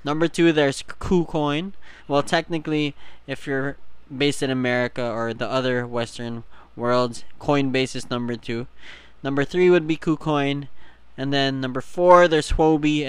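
A man's voice: medium pitch, steady tone, a little slow, clean tone, no room sound. A man co-hosting a casual crypto chat, explaining things step by step and laughing often. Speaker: co-host.

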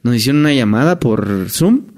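Brief: male guest, Mexican accent, chatty storyteller, mid-pitched voice, constant tag questions. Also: animated, normal speed, darkish tone. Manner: chatty, peppers speech with tag questions and restarts. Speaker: guest, former hotel entertainer. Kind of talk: casual storytelling chat.

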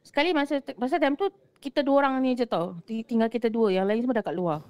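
A young woman with a fairly high voice tells a spooky tale in a lively, chatty way. She slips English words into her speech and acts out the lines of the people in the story. The recording is dry and close. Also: quick pace, no room sound. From Singapore. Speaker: guest storyteller. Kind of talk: casual ghost-story telling.

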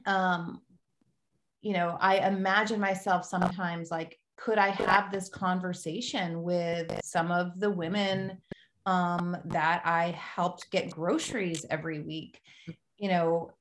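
A woman's voice: fairly low pitch, steady tone, takes it slowly, a little hiss or hum, rough recording. A woman hosting a casual podcast interview, talking in a hesitant, searching way full of fillers. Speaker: podcast host.

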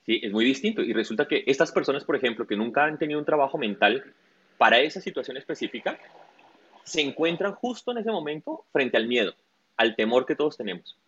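A man's voice: medium pitch, expressive, a little fast, fairly bright tone, breathy edge. Guy coach telling stories in an interview, acts out quotes, dull lo-fi audio. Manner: tells stories with acted-out quotes. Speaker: guest, sports coach. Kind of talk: casual interview storytelling.

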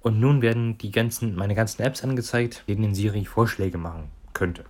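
A man's voice: fairly low pitch, normal speed, noisy background. Man casually explaining phone settings. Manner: relaxed, conversational explaining with fillers. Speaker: tutorial presenter.

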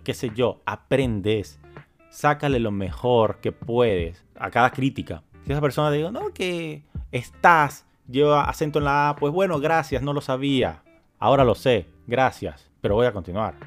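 A man hosting an unscripted podcast, talking emphatically and repeating phrases for emphasis, with faint guitar music behind. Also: mid-range voice. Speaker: podcast host. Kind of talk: unscripted motivational podcast monologue.

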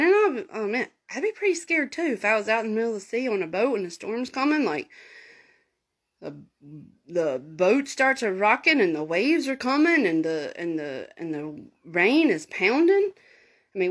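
A woman telling a Bible story in a chatty, animated way, full of folksy asides. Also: medium pitch. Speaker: Bible teacher. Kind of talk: informal Bible lesson storytelling.

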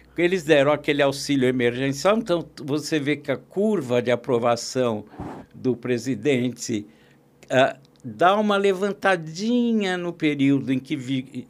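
A man, a podcast guest who talks politics in a casual, opinionated way, often restarting his sentences. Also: mid-range voice. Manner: talkative, opinionated, frequent restarts and fillers. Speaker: podcast guest, columnist and agribusiness consultant.

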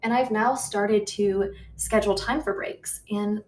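A young woman chatting casually to her viewers, rambling, talking quickly and swearing freely. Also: mid-range voice, steady tone, darkish tone, slight background noise. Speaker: YouTuber. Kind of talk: casual chat vlog. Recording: roomy sound from a distance.

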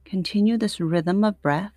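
A woman guiding a sleep meditation like a sleep story narrator, soothing and unhurried, with long pauses between short phrases. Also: medium pitch, mellow, no echo. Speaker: yoga nidra meditation teacher.

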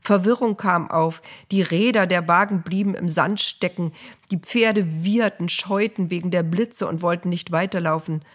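Lower-voiced woman reading a Bible story. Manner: measured, vivid storytelling. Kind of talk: scripted narration of a Bible story.

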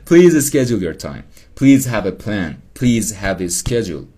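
Slow, lively self-help podcaster, man. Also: on the low side, husky. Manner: rambling, repeats himself, laughs at himself. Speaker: podcast host. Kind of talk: casual self-help monologue.

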